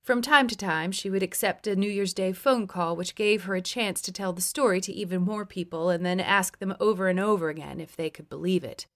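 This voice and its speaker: A woman's voice: medium pitch, fairly quick, few pauses, a bit bright. Woman narrator, memoir audiobook, wry, blunt storytelling, mid-range voice.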